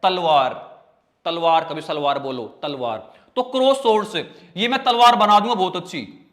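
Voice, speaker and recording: A man teaching English vocabulary in an exam-prep lesson, joking with students and slowly sounding out spellings syllable by syllable. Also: high voice, expressive, a bit bright. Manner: playful, jokey, drags out spellings slowly syllable by syllable; calls students "bhai" and "beta".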